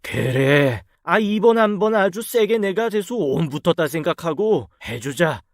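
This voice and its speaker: A man's voice: high voice, lively intonation, unhurried, dry recording, studio quality. A man voicing a tired, long-suffering middle-aged husband who sighs and grumbles. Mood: resigned. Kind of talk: storybook dialogue.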